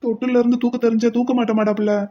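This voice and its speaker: A woman's voice: on the high side, level tone, very fast, warm tone, close to an everyday voice. A woman voicing a young uncle in a cartoon, cooing and doting clumsily over a baby. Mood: sheepish. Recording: dull lo-fi audio.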